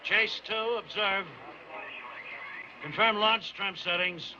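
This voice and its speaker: High-pitched male mission-control director. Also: slow pace, background noise. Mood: firm, commanding. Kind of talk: clipped command radio talk. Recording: dull lo-fi film soundtrack.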